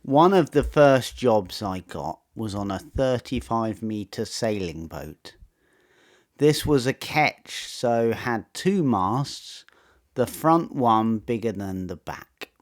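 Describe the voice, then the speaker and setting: A man narrating a true personal story in a measured, matter-of-fact scripted way. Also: lowish voice.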